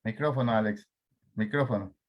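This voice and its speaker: A man's voice: lowish voice, moderate pace, lo-fi sound. A man hosting an online political talk show, formal in tone, sometimes stumbling over names. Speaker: host.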